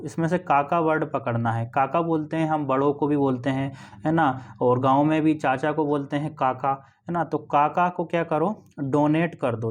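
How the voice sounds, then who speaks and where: Male teacher, slightly high voice, patient explainer who repeats and checks in. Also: darkish tone. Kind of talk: exam-prep memory tricks lesson.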